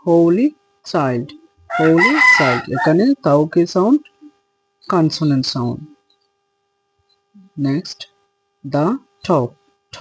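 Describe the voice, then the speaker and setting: A man's voice: a little high, darkish tone, slightly rough, rough recording. A man giving a spoken English lesson, spelling words out and repeating each example phrase. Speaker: English teacher.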